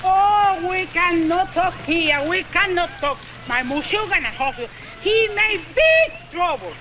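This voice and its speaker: A woman's voice: extremely high pitch, lively intonation, unhurried, background noise. A woman playing a brassy, fussing island mother in an old comedy film, with a Latin American Spanish accent and broken English. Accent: Spanish-speaking Latin American.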